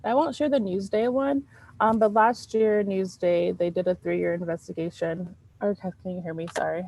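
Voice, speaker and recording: A woman's voice: medium pitch, steady tone, normal speed, darkish tone, rough recording. A woman giving an informal presentation on fair housing over a video call, with many ums and restarts. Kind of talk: presentation at an online meeting.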